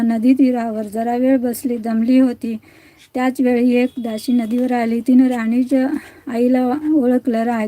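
Woman reading a folk tale in a flat voice. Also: a little high, poor audio. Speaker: storyteller.

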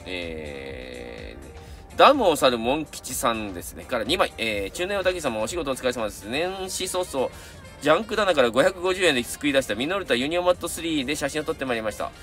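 Reviewing gear and reading out viewer submissions, this middle-aged Kansai-accented camera channel host talks casually, wandering off into asides and filling his speech with fillers. He has a medium-pitched, fairly bright voice, sounds very animated, and keeps a brisk pace, with faint music behind him.

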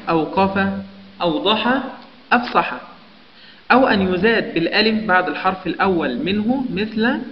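A man's voice: sits high, a little hiss or hum. A man teaching a grammar lesson, explaining step by step and listing example words one by one. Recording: echoey, dull lo-fi room recording with long reverb.

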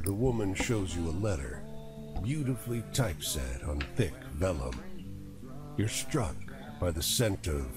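A man's voice: low-pitched, exaggerated voice. A man reading scripted game narration in a wry, storybook manner.

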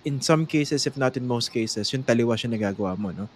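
A man's voice: mid-range voice, fairly quick, slightly rough. Reflective male interview host. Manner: reflective, thinking aloud, frequent tag questions. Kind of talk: conversational interview.

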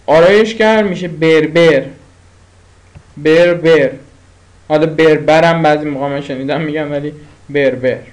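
Male tutor with a slightly high voice, drilling vocabulary through repetition and chatty asides. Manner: repeats each word slowly, explains with pauses and fillers. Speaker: language teacher. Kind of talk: spoken language lesson.

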